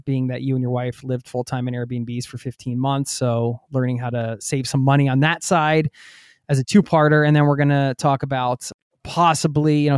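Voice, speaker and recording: A man's voice: medium pitch, darkish tone, smooth, no room sound, studio quality. A man hosting a travel podcast, chatting casually with his guest in a friendly, joking way. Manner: friendly, joking, easygoing banter. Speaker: podcast host. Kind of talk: casual conversational interview.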